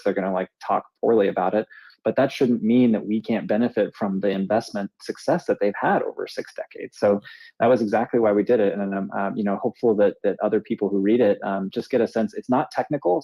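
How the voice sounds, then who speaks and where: A man's voice: fairly low pitch, mellow, poor audio. A man co-hosting a talk show, explaining things casually as an author. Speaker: co-host and author.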